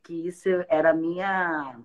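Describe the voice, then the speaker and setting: A woman's voice: sits low, moderate pace, low-quality recording. A woman preacher, chatting casually and laughing easily at herself. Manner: animated, laughs easily, self-mocking. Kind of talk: casual chat.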